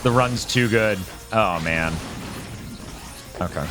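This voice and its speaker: A man's voice: on the low side, slow pace. A man casually commentating his gameplay with joking, playful asides. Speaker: streamer. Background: game music.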